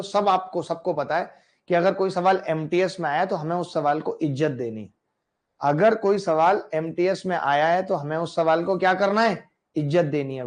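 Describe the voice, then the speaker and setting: A man teaching math in a lively classroom lecture, addressing students directly and playfully. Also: on the high side.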